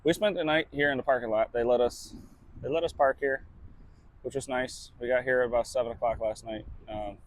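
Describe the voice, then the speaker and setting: A man's voice: mid-range voice, steady tone, fairly quick. A truck driver talking casually to his camera while he works, in a laid-back, chatty way with casual swearing. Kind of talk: casual vlog narration.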